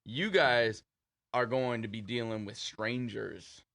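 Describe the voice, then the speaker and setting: A man's voice: medium pitch, takes it slowly, creaky, fairly bright tone. A man who works as a chef in casual podcast chat, joking and explaining with emphasis.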